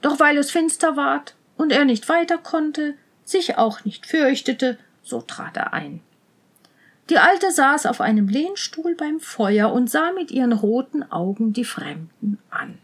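A woman reading a fairy tale aloud in a measured, gentle manner. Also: high voice, lively intonation. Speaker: storyteller.

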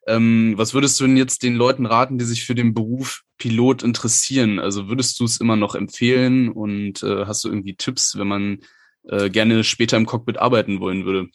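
A man's voice: fairly low pitch, level tone, a little fast, dry recording. A man hosting an aviation podcast, asking questions in a friendly, chatty way. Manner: friendly, chatty, many fillers. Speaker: podcast host, interviewer. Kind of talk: casual interview chat.

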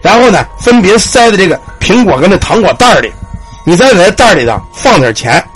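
Man playing grave old temple-keeper doctor, husky, slow. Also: high-pitched, sing-song, a bit bright, faint music behind, exaggerated voice. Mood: instructing.

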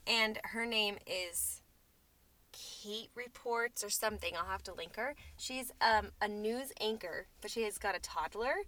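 A young woman co-hosting a podcast from inside a parked minivan, talking in a chatty, giggly way with quick asides. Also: medium pitch, bright, forceful tone. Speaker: podcast co-host. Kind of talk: casual chat.

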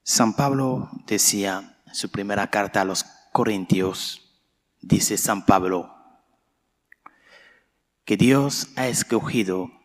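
Priest in a cathedral echo. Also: male voice, lowish voice. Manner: slow, measured, solemn delivery. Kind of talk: reading the gospel and preaching a homily at Mass. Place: large church. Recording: long church reverb.

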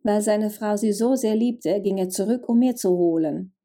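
A woman narrating a fairy tale, gently addressing the listener directly. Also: mid-range voice, normal speed. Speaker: storyteller.

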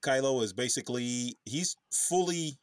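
A man's voice: mid-range voice, lively intonation, measured pace, dry recording, clean studio sound. A man co-hosting a casual movie podcast, upbeat and steering the talk along. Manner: upbeat, steers the talk, says dude a lot. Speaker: podcast co-host.

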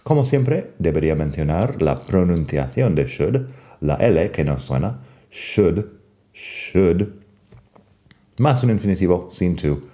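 A man from the United States, an English speaker teaching English grammar in a bilingual lesson, patiently repeating example sentences and pausing with fillers. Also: sits low, mellow.

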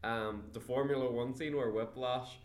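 A man co-hosting a casual film chat, jokey and halting with many ums. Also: medium pitch, steady tone. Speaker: podcast co-host. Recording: roomy echo.

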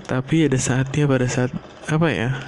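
A man rambles through a casual solo monologue, loose and sprinkled with swearing. His voice is mellow and sits at a middle pitch. A faint noise hums behind him in a home room. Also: steady tone, normal speed. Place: home room, not a studio.

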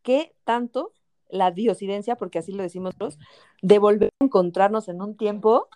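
A young woman with a Mexican accent casually tells a personal story in a medium-pitched, dark-toned voice at normal speed, with no room sound. Chatty, she uses fillers like "o sea" and "este" and mixes in English words.

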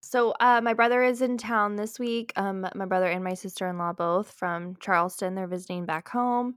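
A woman's voice: mid-range voice, moderate pace, clean tone, no echo, clean studio sound. A young woman co-hosting a casual podcast, upbeat and enthusiastic, swearing freely. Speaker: podcast co-host.

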